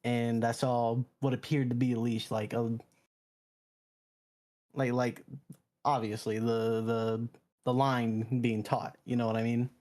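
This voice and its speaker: A man's voice: mid-range voice, flat delivery, unhurried, pauses often, darkish tone. Stammering man playing a witness. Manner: stammering, repeats words. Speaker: witness in a mock trial. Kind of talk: mock trial role-play.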